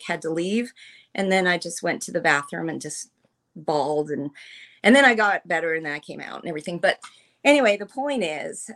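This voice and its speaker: Earnest woman in her fifties, halting. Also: medium pitch, a bit bright. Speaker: podcast guest, military veteran. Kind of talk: personal storytelling in conversation.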